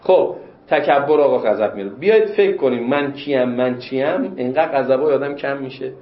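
A man teaching religious law in a classroom lecture. He explains texts and pushes his voice up sharply to stress his questions. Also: mid-range voice. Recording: roomy, dull lo-fi lecture recording.

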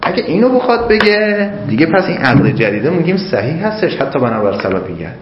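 Animated man lecturing in an echoey room. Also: fairly high pitch. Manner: animated, reasoning aloud with examples. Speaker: seminary teacher. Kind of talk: jurisprudence class lecture. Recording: echoey classroom, lo-fi, faint noise.

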